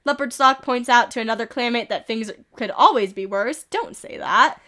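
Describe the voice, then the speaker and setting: A woman's voice: on the high side, bright, forceful tone. A woman streaming a game, reading events aloud with amused asides, a little sick with occasional coughs. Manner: reads events with quick amused asides and chuckles.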